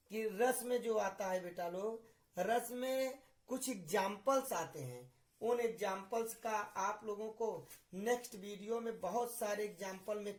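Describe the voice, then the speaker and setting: A man's voice: high voice, darkish tone. A male teacher giving a literature lesson, who calls his students children and repeats key terms back to them as questions. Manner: spells out and dictates terms slowly.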